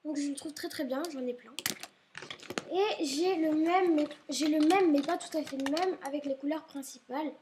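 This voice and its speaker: With noise in the background, a young woman at home chats through her school supplies in a vlog at a moderate pace. Her voice is high-pitched, and she rambles and apologizes frequently while sounding a little ill and maybe stuffed up.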